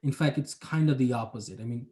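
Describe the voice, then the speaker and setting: A young adult man from Bangladesh, an urban planner appearing as a guest, talks fast in a mid-range voice with a dark tone. In a casual interview about his planning job, he sounds reflective and hedges with many fillers.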